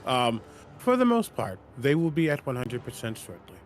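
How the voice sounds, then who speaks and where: A man's voice: medium pitch, wildly swooping pitch, moderate pace, faint music behind. A man playing a loyal, protective servant in a tabletop game, with a dry, precise, very formal way of talking. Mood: dutiful. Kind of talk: tabletop role-play.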